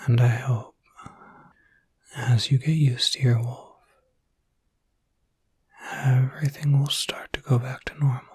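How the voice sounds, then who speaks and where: With a steady, medium-pitched whisper that's soft and breathy, a man portrays a gentle werewolf caretaker in ASMR roleplay, close to the mic and hesitating slightly. He's a little slow, takes long pauses, and sounds gentle and encouraging, with no room sound.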